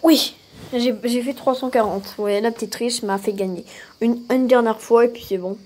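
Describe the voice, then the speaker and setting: A woman casually talking through a mobile game she is playing, often breaking into excited exclamations. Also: fairly high pitch, moderate pace, a little hiss or hum. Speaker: mobile game channel host. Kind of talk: casual gameplay commentary.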